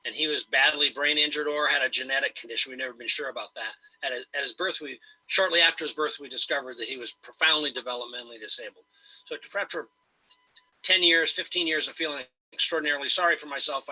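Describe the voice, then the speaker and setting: A man's voice: on the high side, sharp tone, low-quality recording. A man being interviewed as a guest author over a video call, talking in a wry, self-mocking and long-winded way. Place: home in Spokane.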